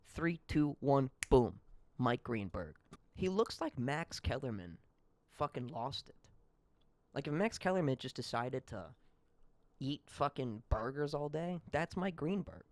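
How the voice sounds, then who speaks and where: A man's voice: mid-range voice, sing-song, unhurried, no echo. A young man hosting a solo podcast, ranting in a rambling, profane, heated way. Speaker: podcast host. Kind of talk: solo comedic podcast rant.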